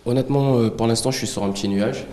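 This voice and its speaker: A man's voice: medium pitch, quick pace, dark tone. A man from French Guiana with a French Guianese accent, a musician guest in a TV studio interview, talking modestly with many fillers and small laughs.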